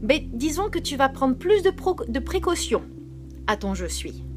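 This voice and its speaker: Quebec lady preaching live, fairly high voice, talks fast, chats with her viewers. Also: over music. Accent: Quebec French. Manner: animated, switching to soft low tones for scripture; reads out and answers viewers' comments. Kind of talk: informal live-stream sermon.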